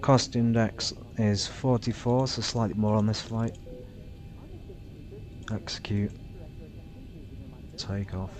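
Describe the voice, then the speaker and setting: Low-voiced man muttering through a flight sim. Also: steady tone, a little mellow. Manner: halting, muttering to himself. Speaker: flight simulator streamer playing a pilot. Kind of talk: casual self-narrated gameplay with radio calls. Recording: rumbly background noise.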